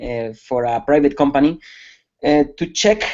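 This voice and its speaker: Heard through a computer mic on a video call, the dull lo-fi webcast features a security conference speaker from Spain. His medium-pitched, slightly mellow voice moves at a moderate pace as he speaks English with a Spanish accent, hesitant and full of fillers and restarts.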